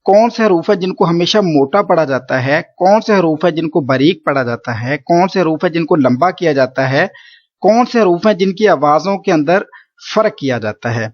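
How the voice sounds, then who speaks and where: Guy teaching recitation, slightly high voice, patient, keeps repeating stuff, kinda dull lo-fi audio. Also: animated. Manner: patient, repeats points with "theek hai". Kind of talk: explanatory lesson.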